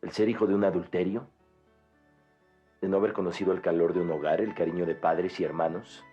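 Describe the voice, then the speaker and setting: An actor playing a proud, bitter orphaned young man in a 1990s Mexican telenovela, speaking gravely with a Mexican Spanish accent. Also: low-pitched, fairly even intonation, warm tone, soft background music, natural voice. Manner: grave, bitter, measured delivery. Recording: dull lo-fi TV audio, faint score.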